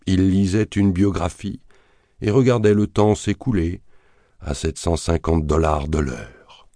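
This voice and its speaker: A man narrating a thriller audiobook in a measured, dramatic reading that colors the quoted lines. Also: low-pitched, warm tone, no echo, clean studio sound. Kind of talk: scripted narration of a thriller novel.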